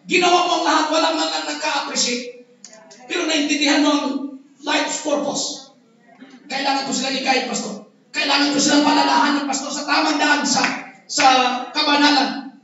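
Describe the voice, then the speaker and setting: A Filipino pastor preaches in a high, bright, forceful voice, often shouting for emphasis. He is heard from far off in a very echoey hall. The recording is dull and lo-fi. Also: flat delivery, moderate pace, long pauses. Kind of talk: sermon.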